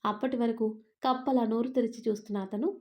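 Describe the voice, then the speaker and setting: Calm woman storyteller, mellow voice. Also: a little high, a little fast. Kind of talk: scripted story narration.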